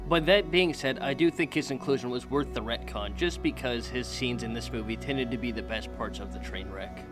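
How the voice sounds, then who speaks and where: A man delivers a scripted voice-over for a film review, brisk and wry, rattling off a series of critical questions. His voice is medium in pitch, with music playing in the background.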